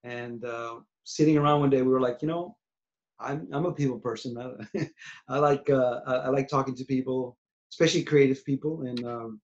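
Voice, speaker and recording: A singer-songwriter in his forties from New York City chats in a casual video-call interview from a small room at home, rambling, restarting often, and trailing off quietly. His mid-range voice is steady at normal speed, picked up by a webcam as dull, lo-fi call audio.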